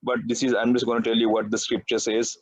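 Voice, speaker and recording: A man's voice: medium pitch, level tone, fast, poor audio. A man, preaching a sermon in a conversational way and often checking in with "right?". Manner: conversational, peppered with "right?" tag questions. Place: church.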